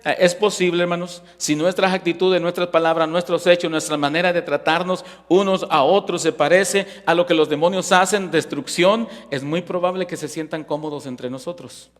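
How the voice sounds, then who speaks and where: Male pastor, sermon delivery, emphatic with rhetorical questions; slightly high voice, reverberant church hall. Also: fairly even intonation, normal speed, few pauses. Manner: emphatic, rhetorical questions, frequent "ok?" check-ins.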